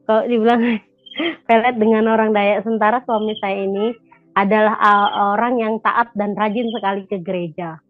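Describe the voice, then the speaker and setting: A woman's voice: medium pitch, fairly even intonation, normal speed, dry recording. Woman, testimony storyteller who acts out quoted dialogue, hesitant, dry lo-fi recording. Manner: retells events by acting out quoted dialogue, with frequent hesitations. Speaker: convert giving a religious testimony. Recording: dull lo-fi, dry sound, faint music behind.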